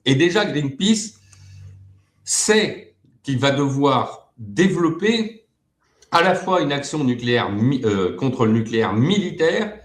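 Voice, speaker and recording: A man's voice: medium pitch, animated, slow pace, roomy sound. A man talking as a guest expert in an interview, hesitant, with many fillers and repeated words. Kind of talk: web TV interview.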